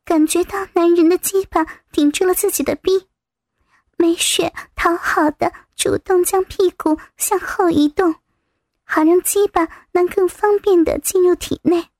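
A woman reading a story aloud as narrator, in a soft, slightly breathy manner. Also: very high-pitched, fairly even intonation, unhurried, no room sound, studio quality.

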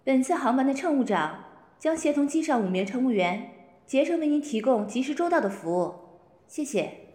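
A woman playing a flight attendant, polite and formal, greeting and addressing passengers like a cabin announcement, with a breathy voice. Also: high-pitched, animated, moderate pace, darkish tone, roomy sound, big-room sound.

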